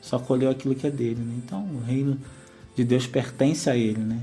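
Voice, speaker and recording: A man's voice: medium pitch, steady tone, a little fast, dark tone, soft background music. A man hosting a faith radio interview in a pastoral, consoling way. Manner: consoling, keeps adding "né?". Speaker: radio program host.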